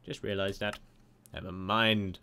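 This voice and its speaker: A man's voice: low-pitched, fairly even intonation, a little slow, gravelly, sharp tone, clean tone. A man casually narrating a game tutorial over a screen recording, chatty and rambling with lots of "uh"s. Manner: rambling, chatty, many filler "uh"s.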